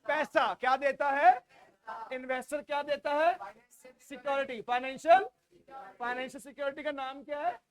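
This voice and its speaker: A man from India with an Indian accent teaching a class, drilling students loudly and repeating questions for them to answer back. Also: very high-pitched, steady tone, moderate pace, pauses often. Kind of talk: classroom lecture with call-and-response drilling.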